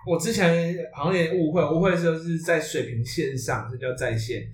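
A man's voice: on the high side, steady tone, brisk. A man with a Taiwanese accent chatting casually as a co-host. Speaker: podcast co-host. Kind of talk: casual chat. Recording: echoey room, distant mic, faint noise.

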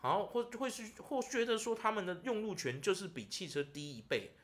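Animated Taiwanese-accented male podcast host. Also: high-pitched, a little fast. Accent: Taiwanese Mandarin. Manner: animated, ranting storyteller. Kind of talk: casual chat.

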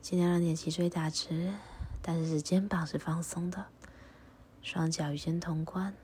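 A woman leading a guided meditation and prayer, speaking softly and calmly, often in a half-whisper. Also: lowish voice, slight background noise. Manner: soft, breathy, often half-whispered delivery; slow, calm, instructive.

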